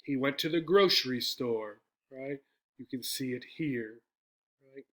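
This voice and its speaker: In an explanatory English lesson featuring a poem reading, a man speaks in a mid-range, bright, forceful voice at an unhurried pace. His teaching is didactic and step by step, with many questions and check-in tags.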